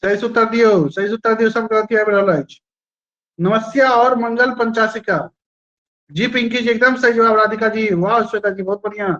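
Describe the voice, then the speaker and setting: A man's voice: high voice, fairly bright tone, lo-fi sound. A male teacher running a live online quiz class, repeating each question and its options and praising students by name.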